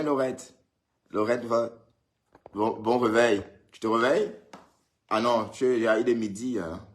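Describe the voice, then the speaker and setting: This livestream host, a man at home indoors in Europe, has a voice on the low side with a slight brightness. Casual and chatty, he names viewers as he greets them and pokes fun at them.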